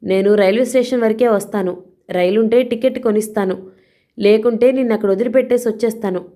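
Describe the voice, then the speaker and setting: A furious husband snaps out harsh commands and threats, as a woman reading the tale puts him on. The voice sits fairly high for a man and stays mellow and dark-toned throughout this storybook reading. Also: fast talker, close to an everyday voice. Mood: commanding. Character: furious menacing husband, threatening his wife.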